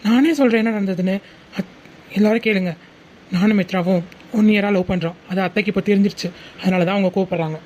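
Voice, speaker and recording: A woman's voice: medium pitch, fairly even intonation, a little mellow, a little hiss or hum, close to an everyday voice. A woman voicing a loving, protective young man in a homemade cartoon, soothing and reassuring. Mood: defiant. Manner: soothing, reassuring, quick talking. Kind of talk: homemade animated cartoon dialogue.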